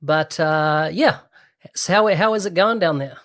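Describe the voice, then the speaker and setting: A man's voice: a little high, measured pace, a bit bright. A man hosting a podcast interview, chatty and upbeat as he asks questions. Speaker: podcast host. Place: London.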